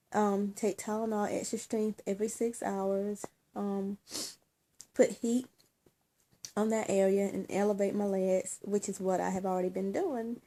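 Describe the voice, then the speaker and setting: A woman talking in a casual personal vlog, emotional and teary, halting with many ums and restarts. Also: mid-range voice, mellow. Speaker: vlogger.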